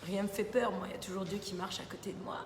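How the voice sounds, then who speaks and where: A woman's voice: mid-range voice, steady tone, quick pace. Young woman chatting through a live q&a, informal, lots of filler words, faint noise behind her in a reverby room. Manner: chatty and informal, fills with repeated "voilà". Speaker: TV columnist and live host. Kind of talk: casual live Q&A reading viewer comments. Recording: roomy studio reverb, faint background noise.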